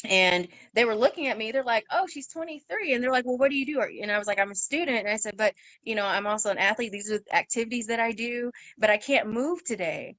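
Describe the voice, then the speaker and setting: A young woman in her twenties telling her story in an interview, halting, with fillers and restarts, and acting out what others said in a raised voice. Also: mid-range voice, fairly bright tone, no echo. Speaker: guest sharing her story.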